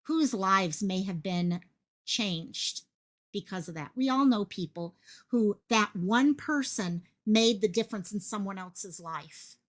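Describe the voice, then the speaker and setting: On her own online channel, a woman delivers animated, impassioned livestream commentary at a slow pace in a mid-range voice. She repeats phrases for emphasis and projects the way a stage actor would.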